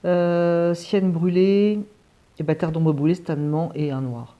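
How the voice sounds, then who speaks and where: A woman's voice: fairly low pitch, fairly even intonation, measured pace, lo-fi sound. A woman hosting a watercolor channel, chatting casually through an unboxing and thinking aloud with frequent hesitations.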